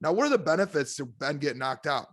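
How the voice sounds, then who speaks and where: A man chatting casually as a guest on a podcast, an animated and excitable wrestling fan. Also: a little high, fast talker. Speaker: guest commentator.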